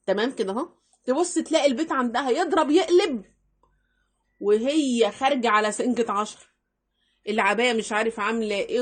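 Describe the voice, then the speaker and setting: A woman with an Egyptian Arabic accent hosting her own channel, giving casual advice straight to her viewers in a chatty, repetitive way that keeps checking the listener is with her. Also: fairly high pitch. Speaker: YouTube channel host.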